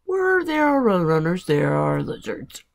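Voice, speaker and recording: A woman's voice: fairly low pitch, wildly swooping pitch, measured pace, creaky, exaggerated voice. A woman voicing a clumsy, eager young coyote in a storybook, in a hesitant, raised voice.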